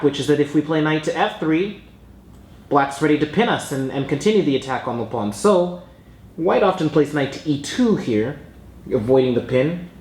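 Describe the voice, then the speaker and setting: A man giving explanatory chess commentary as an instructor, talking through moves in a measured, informal teaching manner. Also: mid-range voice, echoey room.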